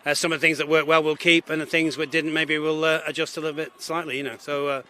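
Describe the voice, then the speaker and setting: Male coach, post-match interview, fast talker, hoarse, sharp bright tone. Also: a little high, little pitch movement. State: losing his voice. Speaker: head coach.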